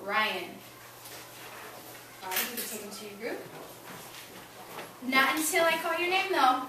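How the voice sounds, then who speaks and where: Female kindergarten teacher, high voice, simple instructions and praise for small children; distant mic in a noisy room. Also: sing-song, measured pace. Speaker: elementary school teacher. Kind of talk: classroom instruction to young children. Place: indoor classroom. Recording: echoey noisy classroom, distant mic with clicks. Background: classroom noise with children.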